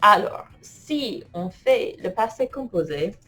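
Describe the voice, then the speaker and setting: A woman's voice: mid-range voice, expressive, slow, bright, forceful tone, soft background music. A woman teaching French grammar in an online lesson, playful and laughing often as she types and talks to herself.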